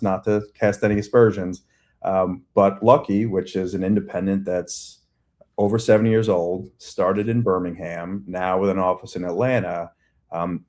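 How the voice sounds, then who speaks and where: A man in his forties with a Long Island accent, his voice low and slightly mellow, is an agency CEO appearing as a guest. He answers interview questions at length, chatty and talkative, full of fillers and restarts.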